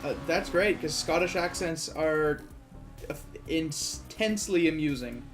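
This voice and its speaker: A man from Quebec, Canada co-commentates on a video game, joking casually with teasing sarcasm. His voice is a little high and unhurried, with faint music behind.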